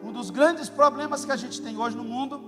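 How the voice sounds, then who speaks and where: High-voiced middle-aged pastor guy, preaching hard with big stresses, long church hall echo. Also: normal speed. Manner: emphatic, animated preaching with sudden loud stresses. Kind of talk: sermon. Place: church auditorium. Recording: long hall reverb, faint music.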